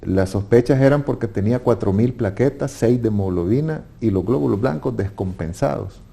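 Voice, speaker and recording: A man with a Salvadoran Spanish accent gives an earnest personal faith testimony, now and then restarting his words. His voice is lowish, creaky, mellow and slightly rough, at a normal speed.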